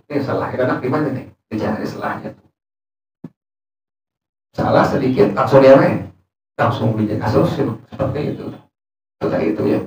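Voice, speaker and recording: A man teaching a religious study session, reading Arabic lines and explaining them in casual speech. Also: medium pitch. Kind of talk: Islamic study sermon. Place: prayer room. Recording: echoey room, distant mic.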